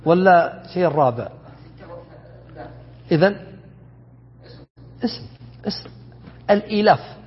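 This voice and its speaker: A man's voice: sits high, animated, slow pace, pauses often, slight background noise. A man giving a classroom lesson on Quran commentary, explaining points and asking his students questions. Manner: explanatory, asks students questions, corrects himself mid-word. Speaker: sheikh teaching Quran commentary. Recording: dull lo-fi sound with long hall reverb.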